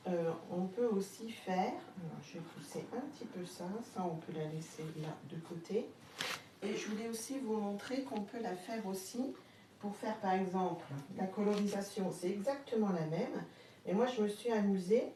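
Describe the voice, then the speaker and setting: A woman's voice: medium pitch, warm tone. A woman with a Haute-Marne French accent hosting a casual live crafting demo, chatting with viewers and hesitating often with fillers. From France. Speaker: craft live-stream host. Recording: roomy, distant, faint background hum.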